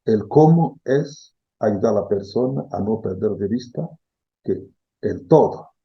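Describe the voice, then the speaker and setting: A philosophy professor from the DRC, middle-aged, guests in an interview and thoughtfully unpacks ideas, repeating key terms and often checking in with "¿sí?". He speaks at a measured pace in a fairly low, creaky, husky voice with lively intonation, captured with lo-fi sound.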